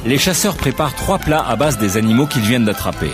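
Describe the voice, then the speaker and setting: A man's voice: medium pitch, lively intonation, brisk, over loud music. A man from narrating a nature documentary in a scripted, storytelling way.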